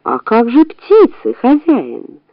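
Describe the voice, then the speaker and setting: A woman putting on a cunning, vain old rat from a storybook, who wheedles and praises herself with a lively, swooping voice. The sound is dull and lo-fi, dry and close. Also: a little high, takes it slowly, dry recording, voice pushed up, full character voice. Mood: sly. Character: sly boastful old female rat, vain and touchy. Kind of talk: storybook reading.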